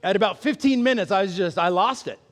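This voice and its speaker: A man with a notably high speaking voice preaches in a loose, conversational way. He is candid and self-deprecating, laughing often and checking in with his listeners through quick questions. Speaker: pastor. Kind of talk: conversational sermon.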